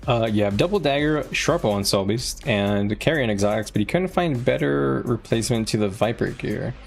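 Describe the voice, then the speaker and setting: Animated and medium-pitched, with some vocal fry, this man streams games and chats informally at a moderate pace. He thinks out loud while offering gameplay tips to his viewers, music playing behind him.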